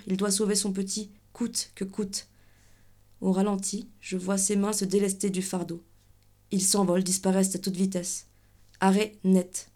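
A woman giving a dramatic literary reading, with an intense, measured delivery in short clipped phrases. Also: mid-range voice, warm tone.

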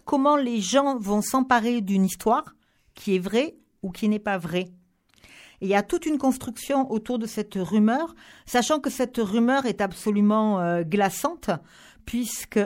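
A woman's voice: medium pitch, darkish tone. A woman speaking as a guest book critic on a radio show, talking through novels with frequent fillers and restarts. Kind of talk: radio book review chat.

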